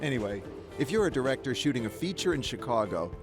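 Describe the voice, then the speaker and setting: Speaking fast at a medium pitch, this male documentary host narrates with wry, lively, conversational energy and occasionally puts interview questions to people. There is music under the narration.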